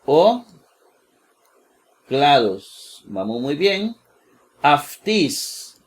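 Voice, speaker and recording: A man with a slightly higher voice leads a lesson at a very unhurried pace. He says each word two or three times and keeps checking that his listeners follow. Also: very animated. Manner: slow and deliberate, repeats each word several times. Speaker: Bible teacher. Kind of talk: slow screen-share lesson.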